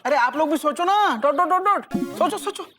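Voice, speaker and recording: A man's voice: very high voice, expressive, moderate pace. An actor playing a quirky young man in a TV family sitcom who speaks each punctuation mark aloud at the end of his sentences. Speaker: sitcom character. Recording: TV sitcom with background music.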